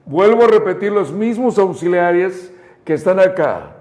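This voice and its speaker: A man from Mexico teaching an English grammar lesson in Spanish, laying out each step and repeating example sentences slowly for his students. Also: sits high, animated, darkish tone. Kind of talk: slow, deliberate grammar lesson.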